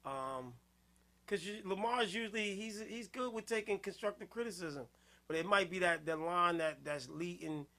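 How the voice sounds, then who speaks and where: A man hosting a casual late-night podcast, excitable and quick to burst into laughter and loud outbursts. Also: high voice. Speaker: podcast host.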